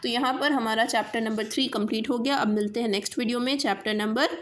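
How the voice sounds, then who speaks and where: A woman's voice: a little high, steady tone. Woman teaching Arabic exercises. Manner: slow and deliberate on Arabic phrases, quick on explanations. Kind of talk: classroom lesson explaining grammar exercises.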